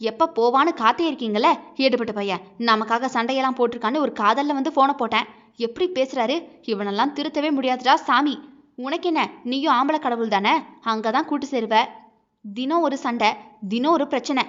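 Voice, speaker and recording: A woman's voice: sits high, brisk, a bit bright. A woman voicing a hurt young wife who argues back sharply and bitterly, in a dull lo-fi recording.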